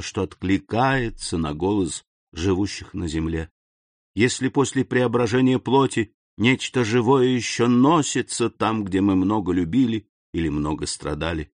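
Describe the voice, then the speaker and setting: A man voicing a grave, noble middle-aged count, calm and measured in an audiobook reading. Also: lowish voice, no room sound. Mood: solemn.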